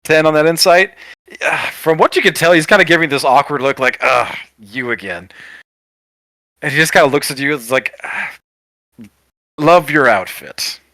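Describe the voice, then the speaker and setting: A man runs a tabletop game with bright, forceful energy. His narration is quick and playful and often breaks into laughter. The sound is dry and close. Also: on the high side, steady tone, no room sound. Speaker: game master.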